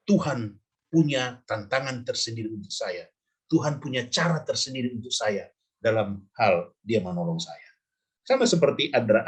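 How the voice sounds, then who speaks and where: A middle-aged male pastor speaks with a husky, somewhat rough voice. He tells stories in an animated way, acting out the people in them, and his pitch stays middling. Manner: animated storyteller who acts out the people in his story. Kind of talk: preaching story in a podcast.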